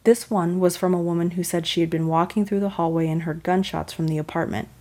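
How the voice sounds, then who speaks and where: A woman's voice: fairly low pitch, fairly even intonation, fairly quick, darkish tone. A woman hosting a true crime podcast, telling the story in a conversational, slightly wry way. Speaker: podcast host.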